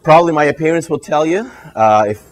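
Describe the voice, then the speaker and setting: A brand ambassador and trainer from Puerto Rico, Spanish his first language, gives a live training to bartenders before an audience in a hotel function room. He speaks with a Puerto Rican Spanish accent in a slightly high, expressive voice, a little fast. Nearly every phrase ends with "all right?".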